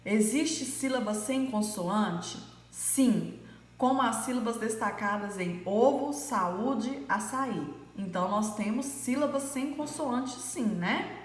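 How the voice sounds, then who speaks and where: Woman teacher for a recorded lesson, unhurried and patient, recorded in a reverberant room. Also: mid-range voice. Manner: slow, patient, with frequent fillers. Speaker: primary school teacher. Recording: echoey room with long reverb.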